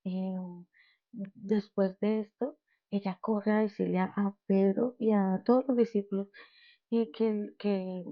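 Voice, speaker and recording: A middle-aged woman hosts a podcast. She tells her faith testimony and retells Bible stories in a lively way, acting out the quoted voices. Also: mid-range voice, slow pace, dry recording, lo-fi sound. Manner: lively storyteller who acts out the quoted voices. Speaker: podcast host.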